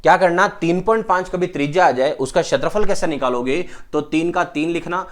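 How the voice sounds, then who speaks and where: A male maths teacher with a voice pitched a little above most men. He teaches emphatically, firing questions at the class and answering each one himself. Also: a little fast. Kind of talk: whiteboard maths lesson.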